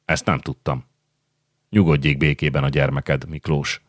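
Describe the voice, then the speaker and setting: A brooding young knight speaks in a subdued, troubled way, as a male audiobook reader voices him. The voice is very deep and dry. It sounds close to the mic. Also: little pitch movement, no room sound. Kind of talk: audiobook character reading.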